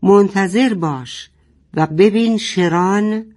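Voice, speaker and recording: A stern, gruff father from a storybook shouts his orders in a raised, strained voice, as a man reads him. He sounds higher and louder than a plain reading voice. His delivery is urgent and commanding. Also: lively intonation. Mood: urgent shouting.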